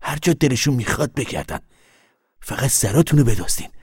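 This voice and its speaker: A husky, hunted farmer on the run in a radio play, wary, urgent and bitter. His voice has a breathy grain and sits mid-range. The studio sound is dry and close. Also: mid-range voice, lively intonation, a little mellow, dry recording. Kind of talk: radio drama acting.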